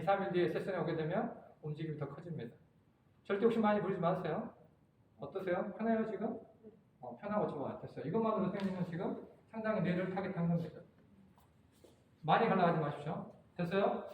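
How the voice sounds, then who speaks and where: A male instructor with a high voice runs a hands-on training demonstration, giving short directive cues to volunteers. The sound is very echoey, with a faint hum of room noise behind him. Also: a little mellow.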